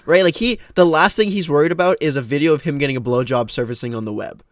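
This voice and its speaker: A man's voice: a little high, quick pace, dry recording, clean studio sound. A young man co-hosting a casual podcast, rambling, laughing often and trailing off mid-sentence. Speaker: podcast co-host.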